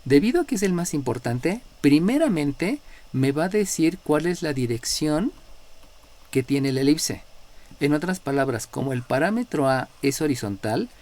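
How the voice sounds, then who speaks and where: A man's voice: a little high, very animated, normal speed, darkish tone. A man with a Mexican accent lecturing as a math teacher in a live class, explaining step by step and checking in with his students. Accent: Mexican Spanish. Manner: explanatory, checks in with frequent "¿no?", calls on students by number.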